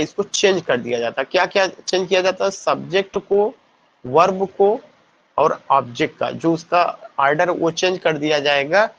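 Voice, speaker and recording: Guy teaching exam prep, fairly high voice, keeps asking then answering his own questions, kinda dull lo-fi audio. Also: fairly bright tone. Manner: explains in Hindi mixed with English, rhetorical questions.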